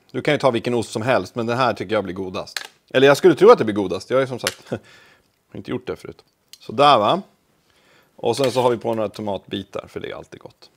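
A man hosting a casual home cooking video, talking to the camera while he cooks, with offhand, self-deprecating asides. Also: medium pitch. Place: home kitchen.

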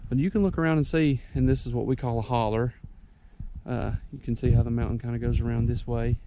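He speaks fast and steadily, his medium-pitched voice warm, while a little hiss or hum sits in the background. Out of breath on the mountainside woods, the young ginseng hunter rambles through homey tips in a relaxed outdoor vlog.

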